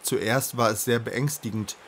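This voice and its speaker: Male audiobook reader, mid pitch, steady storybook narration. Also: a little slow, slight background noise. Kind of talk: reading a children's book aloud.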